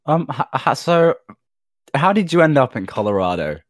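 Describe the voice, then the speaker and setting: A man's voice: mid-range voice, very animated, moderate pace, dry recording. A British man chatting casually over a voice call, with a dry, jokey manner. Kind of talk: casual chat.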